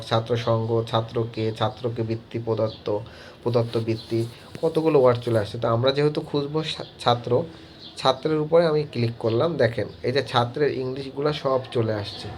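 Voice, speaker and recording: A man acting as a teacher, walking students through an app tutorial in a halting way with many filler words. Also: mid-range voice, slight background noise. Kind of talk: screen-recorded app tutorial.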